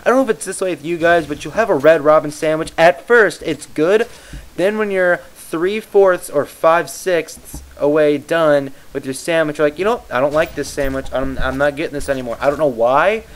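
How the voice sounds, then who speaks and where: His fairly high voice moves at normal speed as this tired young man from the Midwest casually rambles through his gameplay commentary on YouTube. He often loses his train of thought along the way.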